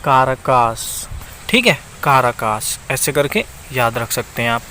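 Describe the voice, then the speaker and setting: A man teaching a map lesson, speaking slowly and repeating himself, often checking in with the viewer. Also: mid-range voice, very animated, sharp tone, a little hiss or hum, poor audio. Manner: slow, repeats itself and keeps checking in with the viewer.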